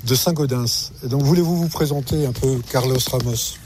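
A man's voice: mid-range voice, normal speed, darkish tone, slight background noise. A man reporting for radio from a tennis tournament and introducing his interviewee, somewhat hesitant. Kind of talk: field interview.

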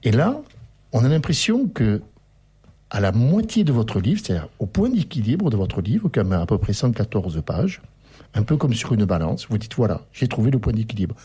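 A man hosting a radio book interview, reading passages aloud with animated emphasis. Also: lowish voice, moderate pace, slightly rough. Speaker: radio host.

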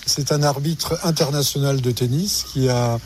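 A man's voice: mid-range voice, moderate pace, background noise. A man reporting for radio from a tennis tournament and introducing his interviewee, somewhat hesitant. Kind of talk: field interview.

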